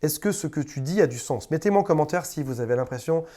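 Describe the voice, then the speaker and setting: A man's voice: fairly high pitch, animated, quick pace, dark tone. A man speaking as a relationship coach, giving advice straight to camera in a conversational way, addressing the viewer informally and often repeating words. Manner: conversational, repeats words, briefly acts out quoted exchanges.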